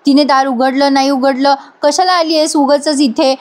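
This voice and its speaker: Woman reading a sharp-tongued protective mother, high, scolding. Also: fairly even intonation, moderate pace, natural voice.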